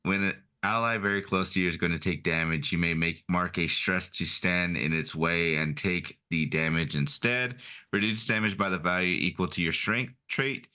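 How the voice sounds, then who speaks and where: A male player in a tabletop game, with a very low voice that still sounds bright and forceful. His speech is crisp and clear, full of hesitant fillers and restarts. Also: moderate pace. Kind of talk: casual tabletop play.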